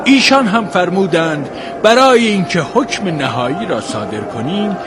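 A man's voice: high-pitched, very animated. An actor playing a loyal male servant who formally delivers a judge's ruling in a radio drama. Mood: solemn. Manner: formal, solemn declaring. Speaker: messenger Qanbar.

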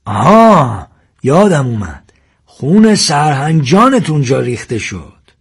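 A calm, measured older man who leads the group, husky and even-tempered, as a man acts him out. The reading lifts the voice only slightly above the narration. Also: a little high, voice pushed up, exaggerated voice. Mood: steady.

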